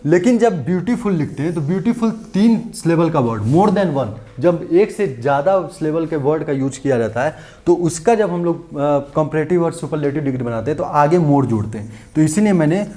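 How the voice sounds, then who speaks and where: A man's voice: fairly high pitch, lively intonation, fairly quick, hardly any pauses, mellow. A male teacher giving an exam-prep English grammar lesson, repeating points and asking and answering his own questions. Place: classroom-style video lesson.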